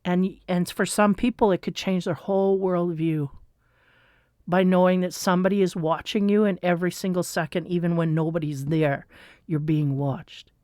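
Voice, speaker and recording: A woman in her forties speaks with a smooth, clear voice, sharing a personal story as an energy reader. She rambles in a casual, confessional way. The sound is dry and close, with no room echo. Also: lowish voice, steady tone, moderate pace, darkish tone. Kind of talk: casual spiritual monologue.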